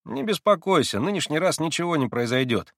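A cocky schoolboy lectures and teases in a lively, sing-song voice, as a male reader puts him on. He speaks a bit higher than the reader's own voice. The recording is close and dry. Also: brisk, gravelly, no echo, exaggerated voice. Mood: brash lecturing. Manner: brash, teasing, lecturing.

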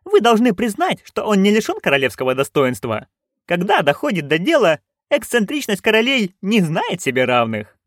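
A man voicing a cheeky, chatty old witch in an audiobook, brisk and raised. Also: high voice, huge pitch swings, no echo, clean studio sound, voice pushed up. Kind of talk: audiobook reading.

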